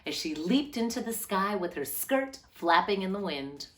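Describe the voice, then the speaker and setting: With a mid-range voice, a woman reads a children's picture book out loud in a storyteller's manner. Her words are drawn out and her phrasing is animated and deliberate.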